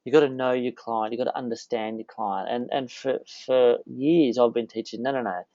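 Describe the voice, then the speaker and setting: A man's voice: mid-range voice, steady tone, normal speed, dark tone, dry recording, dull audio. A man hosting a casual interview, rambling and often restarting his sentences. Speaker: host.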